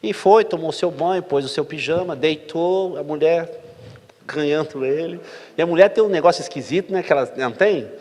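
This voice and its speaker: A man's voice: a little high, moderate pace. A man preaching a sermon, telling a story and acting out the voices of its people, asking the congregation questions. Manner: animated, acts out dialogue voices, asks the crowd questions. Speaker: pastor. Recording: long reverb of a church hall.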